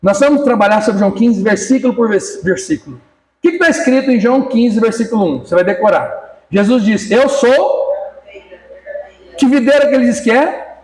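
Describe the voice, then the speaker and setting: A man's voice: extremely high pitch, lively intonation, moderate pace, a little mellow, reverberant, distant mic, poor audio. A man preaching a casual sermon, joking and acting out little dialogues as he calls on people in the congregation by name. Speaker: pastor.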